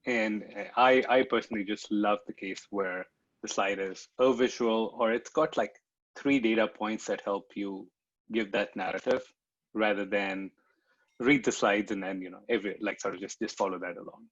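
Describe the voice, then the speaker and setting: A man with a somewhat low voice talks through a panel discussion over a video call, restarting his sentences and filling pauses as he thinks. His stream quality is dropping, so the voice keeps breaking up. The sound is dull and lo-fi, like poor internet call audio. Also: fairly even intonation. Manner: thoughtful, many restarts and fillers. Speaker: product manager panelist. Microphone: computer mic on a video call, before switching to headphones.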